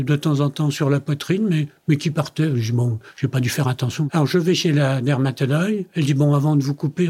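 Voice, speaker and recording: A man's voice: fairly high pitch, dark tone, husky. An older man, a company president interviewed as a guest, tells personal stories in conversation and acts out the dialogue he quotes.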